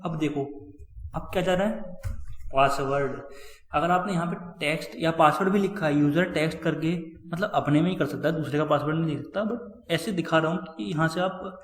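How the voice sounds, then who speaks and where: A man's voice: on the high side, a little fast, echoey room, low-quality recording. A man teaching web coding in a chatty screen-recorded lesson, talking straight to viewers and repeating key points. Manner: chatty, addresses viewers as guys and brother, repeats himself. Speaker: coding tutor.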